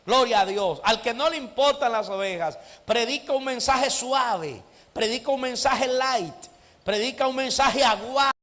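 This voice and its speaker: Male pastor, high bright voice, shouting sermon, church hall reverb. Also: unhurried. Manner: preaches with rising shouts and frequent "amén" and "gloria a Dios". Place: church sanctuary.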